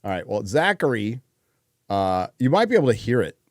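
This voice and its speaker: A man's voice: mid-range voice, big pitch swings, fairly quick, dry recording, clean studio sound. A man hosting a casual livestream, talking in a laid-back way and swearing freely, heard through livestream headset audio. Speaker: show host.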